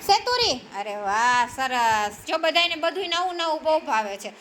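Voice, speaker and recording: A woman's voice: high-pitched, big pitch swings, normal speed, fairly bright tone, a little hiss or hum. A woman teacher, encouraging a classroom of young children, calling on each by name and praising each answer. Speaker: preschool teacher.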